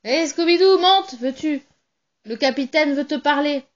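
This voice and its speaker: A woman doing a loud, boozy sailor, lo-fi. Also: a little high, animated, normal speed, lightly acted. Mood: boisterous. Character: hearty, boozy adult male sailor.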